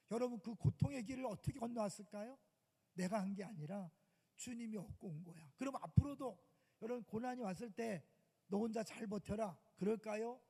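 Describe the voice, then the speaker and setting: Male pastor, sermon. Husky, dark tone, loud-to-hushed delivery, long church reverb. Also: sits high. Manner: emphatic preaching, swings to loud outbursts and hushed asides. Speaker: senior pastor. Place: church sanctuary.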